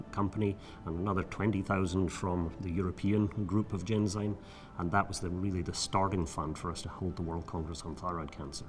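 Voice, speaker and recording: A middle-aged Scottish physician recalling his career in a measured, reflective way, with frequent filler sounds. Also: low voice. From Scotland. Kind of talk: recorded oral-history monologue.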